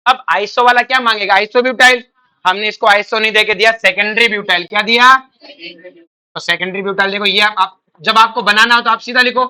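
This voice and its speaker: A man's voice: high voice, fairly even intonation, fairly quick, pushed and bright, clear, resonant tone. A male chemistry teacher, coaching exam students by firing questions and repeating the answers back. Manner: quizzing students, calling them "beta", repeating answers. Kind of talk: coaching lecture with call-and-response.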